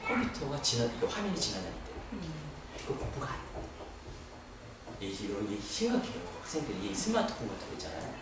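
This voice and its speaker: A man's voice: medium pitch, brisk, pauses often. A male pastor telling a story in a sermon, animatedly acting out the people in it. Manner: animated storyteller who acts out dialogue. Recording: very echoey room, distant mic, audible background noise.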